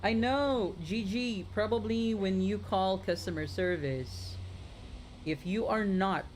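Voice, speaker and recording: Gaming streamer from the Philippines, mid-pitched, loose rambling chat with viewers, lots of restarts. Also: takes it slowly, slight background noise. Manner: chatty, rambling with many restarts, talks straight to viewers. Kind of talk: casual live-stream chat answering viewers.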